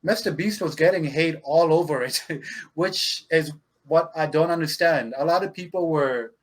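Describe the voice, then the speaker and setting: A man's voice: fairly high pitch, normal speed. A man from Zimbabwe co-hosting a casual podcast, talking emphatically and addressing listeners directly. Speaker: podcast co-host.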